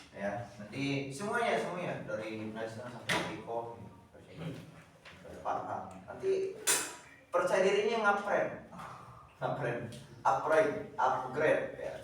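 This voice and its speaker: A medium-pitched man teaches a class over a noisy background, rambling with lots of fillers and words said twice. The lecture is recorded from a distance in a classroom with noticeable echo.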